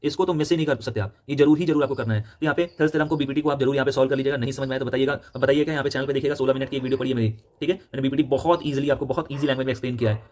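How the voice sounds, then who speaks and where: A young man with an Indian accent, a maths tutor giving a brisk, directive textbook walkthrough, repeating his instructions and correcting himself as he goes. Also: mid-range voice, fairly even intonation, darkish tone. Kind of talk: fast textbook walkthrough lesson.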